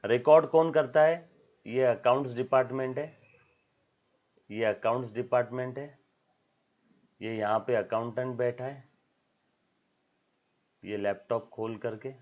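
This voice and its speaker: A commerce teacher gives a classroom accounting lecture in a medium-pitched voice, speaking at a measured pace with long pauses. He asks students questions, repeats key words, mixes in English terms, and acts out little dialogues in a raised voice. The recording has a dull lo-fi sound.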